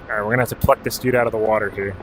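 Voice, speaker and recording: A man's voice: fairly low pitch, fairly even intonation, racing, fairly bright tone, a little hiss or hum, low-quality recording. Laid-back streamer man calling out commands. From Alaska. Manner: calls out game commands, swears casually. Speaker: game streamer. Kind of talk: casual live-stream chat while playing.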